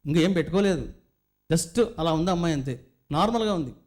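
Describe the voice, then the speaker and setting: High-voiced man giving a spiritual discourse. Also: expressive, brisk, a little mellow. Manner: storytelling, rhetorical questions to listeners. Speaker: spiritual teacher. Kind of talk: devotional discourse.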